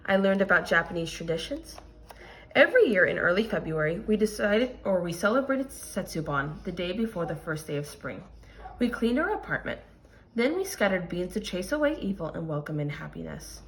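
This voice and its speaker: There is a slight hiss or hum as a lowish-voiced woman reads a children's picture book aloud. Like a teacher, she reads expressively and deliberately, stressing important words and giving explanatory asides.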